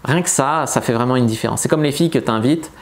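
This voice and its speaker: A man's voice: medium pitch, quick pace. Blunt, chatty male dating coach. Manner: blunt, colloquial, opinionated. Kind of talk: casual advice video to camera.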